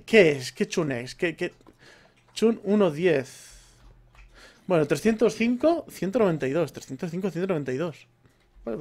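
Swearing Spaniard gamer muttering while playing. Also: male voice, fairly high pitch, dark tone. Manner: swears a lot, mutters to himself. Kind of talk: let's play commentary.

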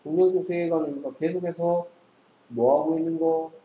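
A man's voice: a little high, steady tone, moderate pace, echoey room, narrow, tinny audio, a little hiss or hum. A man tutoring English one-on-one, quizzing his student and joking bluntly, in a casual lesson. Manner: teasing, quizzing, blunt slang.

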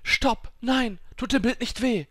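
A man's voice: medium pitch, moderate pace, bright, forceful tone, slightly rough, pitched above the performer's own voice. A man voicing a furious, dying young woman warrior who shrieks and pleads in a raised voice. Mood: screaming, desperate. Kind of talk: game story read aloud.

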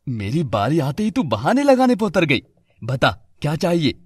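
A drunk, menacing husband. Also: male voice, fairly high pitch, wildly swooping pitch, moderate pace, slightly rough, no echo, clean studio sound, full character voice. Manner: taunting, menacing. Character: drunk, abusive young husband. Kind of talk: animated serial voice acting.

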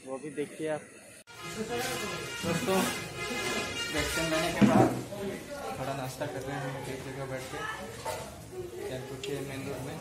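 In a low-quality phone recording full of street noise, a young man with a medium-pitched voice narrates his walk through rural lanes and a crowded street market. As a travel vlogger, he offers chatty tour-guide commentary and treats his viewers as friends.

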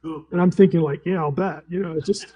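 A man's voice: on the high side, fairly even intonation, a little fast, mellow, breathy edge, muffled recording. A man teaching the Bible at a fellowship gathering, telling stories animatedly with frequent restarts and chuckles. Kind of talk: live talk to a gathering.

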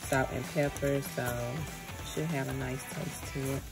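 A woman's voice: extremely low pitch, steady tone, measured pace. A young mother vlogging casually in her home kitchen, chatty and playful, poking fun at herself while she talks to the phone camera. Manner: chatty, playful, self-mocking. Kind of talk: casual cooking vlog chat. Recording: pop music playing under the voice. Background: background pop music.

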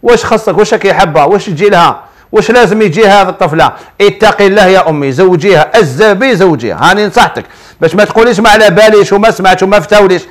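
Speaking very fast, a man with a strikingly high voice and an Algerian Arabic accent offers religious guidance on TV. Acting as a sheikh, he handles questions from viewers in a preachy style heavy on rhetorical questions.

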